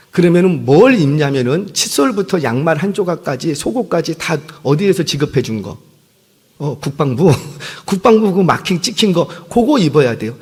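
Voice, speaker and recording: Husky-voiced man preaching in a reverberant hall. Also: mid-range voice. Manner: conversational, animated storytelling with self-deprecating apologies. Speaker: senior pastor. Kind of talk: sermon. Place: church sanctuary.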